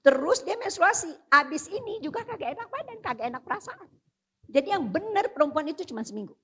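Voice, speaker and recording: An older woman speaking as a parenting expert at a seminar, chatty and lively, often addressing the audience directly. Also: extremely high pitch, fast talker. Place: seminar hall.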